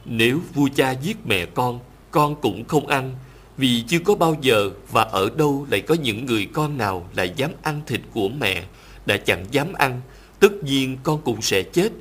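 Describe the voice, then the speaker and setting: Male reader voicing a selfless young prince in a scripture story; calm, reverent, measured. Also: medium pitch. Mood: earnest pleading. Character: devoted young prince, gentle and self-sacrificing.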